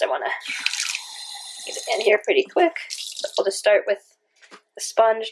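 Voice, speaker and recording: Hosting a casual cleaning vlog that tests products in her home kitchen, a woman chats and rambles, often restarting. Her medium-pitched voice sounds stuffy from a cold, with slight background noise.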